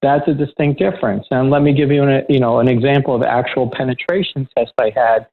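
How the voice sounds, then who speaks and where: Middle-aged male guest, mid-range voice, lively anecdotal storyteller, phone-quality tinny audio. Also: medium pitch, fairly quick. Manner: lively storyteller who acts out quoted dialogue. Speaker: guest, security professional. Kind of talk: conversational anecdote telling.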